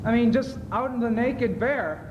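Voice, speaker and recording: A man's voice: a little slow, roomy sound, lo-fi sound. A man playing a fretful, guilty, pleading first man in an amateur stage comedy. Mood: anxious, ashamed. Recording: noisy, rumbling amateur stage recording.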